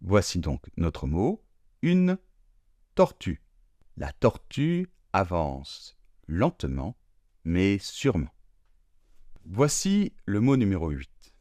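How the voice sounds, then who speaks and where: A man teaching French pronunciation slowly and deliberately, drawing out sounds and repeating each word. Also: low voice, huge pitch swings, darkish tone, dry recording. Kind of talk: slow, careful pronunciation lesson.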